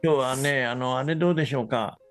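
Gravelly man in relaxed chat. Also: medium pitch, fast, faint music behind. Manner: relaxed, chatty. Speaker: guest storyteller and translator. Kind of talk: casual chat.

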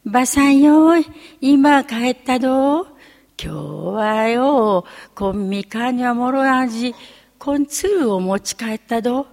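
A woman's voice: a little high, slow, vocal fry, in a large hall. Woman voicing a kindly old grandfather in Miyazaki dialect. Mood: calling. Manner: folksy, coaxing, dialect storytelling.

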